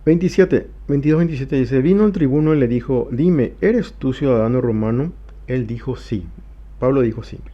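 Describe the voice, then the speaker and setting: A man leading a church Bible study, reading scripture passages aloud slowly and then explaining them. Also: medium pitch, expressive, highs cut off. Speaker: pastor.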